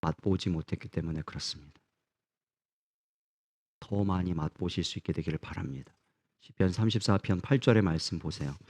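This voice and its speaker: Earnest low-voiced male pastor preaching. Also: a little fast, pauses often, a little mellow. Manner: earnest, asks the congregation questions. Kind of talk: sermon.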